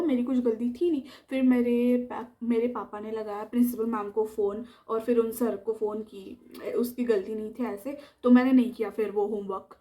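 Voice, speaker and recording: A young woman with a high, mellow voice recounts a school mishap in a casual vlog storytime. She talks in a chatty, animated way and slips into the voices of the people she quotes. She sounds relaxed and never harsh. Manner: chatty, animated retelling that acts out the quoted lines. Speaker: storytime vlogger.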